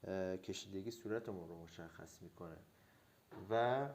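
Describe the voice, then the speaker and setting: A man with a slightly hoarse voice teaching drawing in a relaxed, step-by-step way, with frequent filler pauses. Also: sits low. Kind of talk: casual tutorial narration.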